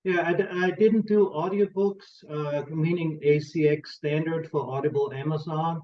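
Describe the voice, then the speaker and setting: A man from Austria with an Austrian accent, a music and audio producer speaking earnestly as an interview guest, often pausing on 'uh'. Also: fairly high pitch, steady tone. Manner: earnest, hesitant, frequent 'uh' fillers. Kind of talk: interview conversation. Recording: distant, dull lo-fi audio.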